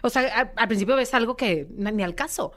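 A woman's voice: on the high side, fast talker. A young woman, a podcast guest telling her story and acting out quoted dialogue. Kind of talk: interview storytelling.

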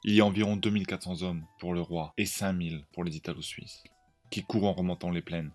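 A man hosting a podcast, narrating an improvised story in a lively way. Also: deep voice, fast, soft background music.

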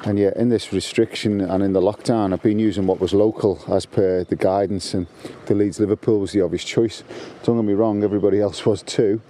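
Low-voiced man outdoors. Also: steady tone, brisk, hardly any pauses, warm tone, slight background noise. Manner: rambling, with frequent restarts and fillers. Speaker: guest contributor. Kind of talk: casual walk-and-talk monologue. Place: outdoors on a canal towpath. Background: birdsong.

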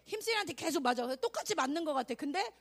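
A woman evangelist preaching at a youth camp, animated and exclamatory, calling out for responses and acting out quotes. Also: sits high, quick pace. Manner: acts out quotes in voices.

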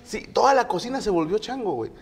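A man's voice: high voice, lively intonation, fast, big-room sound. A young man with a Mexican accent, co-hosting a casual chat and telling slangy stories that act out the people in them. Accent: Mexican Spanish. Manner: slangy storyteller, acts out quoted voices. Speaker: podcast co-host.

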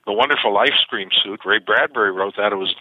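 A fairly low-pitched older man, a science fiction author, talks fast while animatedly recounting stories in a phone interview, restarting often. The tinny phone line is dry, without echo.

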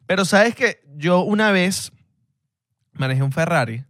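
A man's voice: high-pitched, animated, unhurried, fairly bright tone, dry recording, clean studio sound. A young man with a Venezuelan accent, co-hosting a podcast, joking and bragging in heavy slang. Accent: Venezuelan Spanish. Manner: jokey, boastful, slangy. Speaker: podcast co-host. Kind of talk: casual banter.

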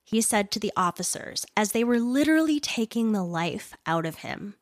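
A woman's voice: mid-range voice, lively intonation, normal speed, no echo, studio quality. A woman hosting a solo news commentary podcast, speaking bluntly and indignantly, with swearing and sarcastic asides. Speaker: podcast host.

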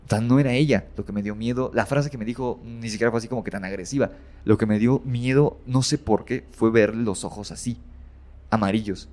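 A man's voice: medium pitch, brisk, darkish tone. A man casually retelling a horror story as a guest, rambling with many fillers and self-corrections.

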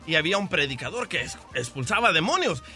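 A man, a radio DJ telling a joke in a casual, animated way. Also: on the high side, fast, soft background music. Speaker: radio DJ and co-host.

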